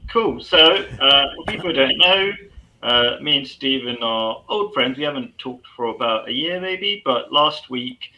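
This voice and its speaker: A man's voice: mid-range voice, animated, measured pace, bright, forceful tone, a little hiss or hum. A man hosting a casual chat, heard through a tinny headset microphone while he fumbles with his audio settings. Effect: tinny headset microphone sound. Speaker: host.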